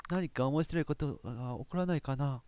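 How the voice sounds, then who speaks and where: A woman voicing a timid, earnest young game heroine, reading her lines in a soft, hushed imitation of a male partner. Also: extremely low pitch, normal speed, voice pushed down. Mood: bored, curious.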